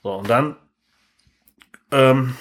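A man in his thirties co-hosting a podcast, telling a story in lively casual chat and tagging his sentences with "ne?". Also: medium pitch, very slow. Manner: animated, tags sentences with "ne?". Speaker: podcast co-host.

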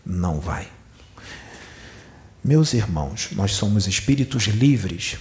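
This Brazilian spiritual medium, whose accent is from Rio de Janeiro, gives a channeled teaching in an emphatic preaching style full of rhetorical questions. His voice is on the low side, expressive and slow, with a darkish tone.

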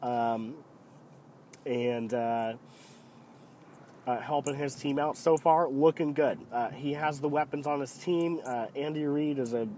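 Male sports podcaster with a head cold deepening his voice; unscripted, halting, opinionated delivery over light background noise. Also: fairly even intonation, warm tone. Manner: hesitant, rambling, opinionated. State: sick with a cold. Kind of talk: casual solo NFL commentary.

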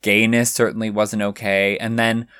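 A man chatting casually, relaxed and reflective, with fillers and restarts. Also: lowish voice, moderate pace, clear, resonant tone, dry recording. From mother from Cork, Ireland. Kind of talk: casual chat.

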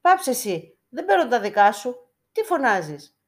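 A woman's voice: mid-range voice, lively intonation, a little mellow, close to an everyday voice. A woman voicing a poor village man who coaxes and pleads for coins before church icons. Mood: indignant. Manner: pleading, coaxing with endearments.

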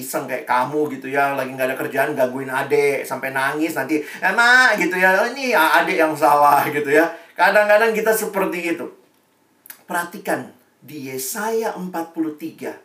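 Man, youth sermon, animated, echoey room, a bit off mic. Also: on the high side, recorded from a distance. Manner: lively, acts out quoted voices, mixes English phrases. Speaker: youth speaker.

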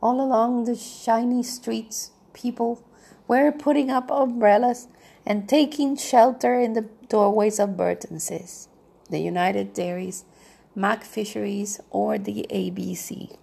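A woman narrating a novel aloud in a measured, even reading style. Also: on the high side, gravelly, breathy edge. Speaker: audiobook reader.

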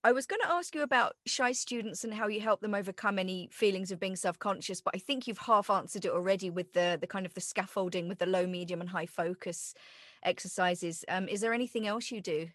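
A woman's voice: mid-range voice, fairly quick, fairly bright tone, no room sound. A woman teacher interviewing a guest, enthusiastic and affirming. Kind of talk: conversational interview.

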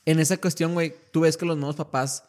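A man's voice: fairly high pitch, fairly even intonation, fast talker, darkish tone. A man, hosting a casual podcast chat and peppering his talk with slang. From northern Mexico. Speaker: podcast host.

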